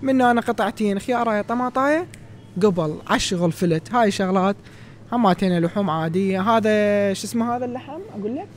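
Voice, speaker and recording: A young Iraqi man in his twenties talks quickly through a casual vlog walk-through, his voice sitting high. His tour-guide chatter is lively and conversational. He speaks inside a large supermarket into a handheld phone. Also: slight background noise. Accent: Iraqi Arabic. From Iraq. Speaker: vlogger.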